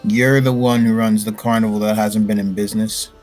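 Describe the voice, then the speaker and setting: A man's voice: fairly low pitch, level tone, fairly quick, darkish tone, soft background music. A man playing a tabletop game, bantering casually in character in a blunt, scornful, accusing way.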